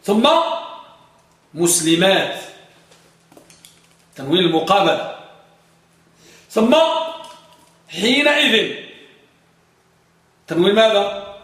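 A man teaching grammar to a class, asking students questions and slowly chanting examples and verse. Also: fairly high pitch, fairly bright tone. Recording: echoey classroom from far off.

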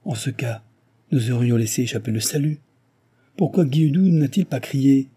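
A man reading voicing an impulsive young Frenchman, eager and quick to act. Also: mid-range voice, expressive, dark tone, slightly rough, pitched above the performer's own voice. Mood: doubtful.

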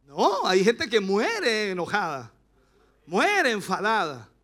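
A middle-aged man with a Chilean accent, preaching a sermon as pastor, passionate and rising to shouts. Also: high-pitched, wildly swooping pitch, takes it slowly.

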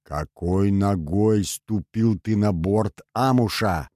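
A man voicing a huge, gruff, superstitious male ship's shaman in an audiobook, speaking in a menacing booming bass. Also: takes it slowly, darkish tone, no echo, studio quality. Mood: solemn.

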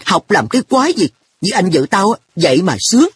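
Man voicing a cheeky happy-go-lucky kid, pitched up and bouncy, breathy husky tone. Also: sing-song, brisk, exaggerated voice. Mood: blunt. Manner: offhand, blunt boyish talk. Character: boy An, carefree, teasing, money-minded.

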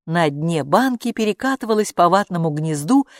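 A woman narrating a children's story aloud in an animated, expressive way. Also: lowish voice, normal speed, dry recording, clean studio sound. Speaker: audiobook narrator.

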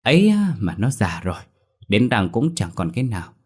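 A man's voice: on the low side, wildly swooping pitch, normal speed, husky, exaggerated voice. A man doing a chatty jovial villager. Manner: talkative, teasing.

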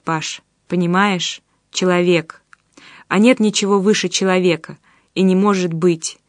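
A woman voicing calm, earnest Danila. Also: fairly low pitch, dry recording, studio quality, lightly acted. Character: calm compassionate man, Danila. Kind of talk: audiobook character voice.

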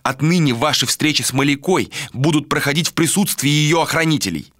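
This is a stern young lord in an audiobook, handing down a ban in a cold, formal tone, voiced by a male reader. He speaks slowly and deliberately. The voice is bright and the recording dry and close. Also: fairly high pitch, expressive, no room sound, voice pushed up. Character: stern, authoritative young man laying down rules. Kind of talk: audiobook character voice.

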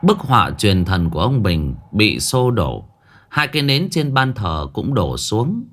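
A man narrating a scripted ghost story in a dramatic storytelling manner, dropping his voice low for the eerie parts. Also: measured pace. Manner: dramatic, lively storytelling with sudden hushed drops.

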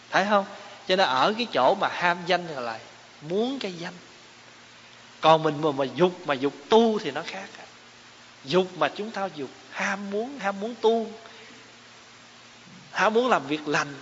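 A man's voice: high-pitched, fairly bright tone. A man giving a Buddhist dharma talk, explaining terms and asking his listeners rhetorical questions. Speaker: Buddhist teacher. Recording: echoey hall, dull lo-fi sound, faint hiss.

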